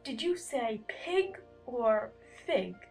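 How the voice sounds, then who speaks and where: A woman's voice: a little high, very animated, slow pace, vocal fry, a little mellow, soft background music, heavily acted. A woman playing a mad, teasing talking cat who speaks in matter-of-fact riddles in a dramatized audiobook. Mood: casual.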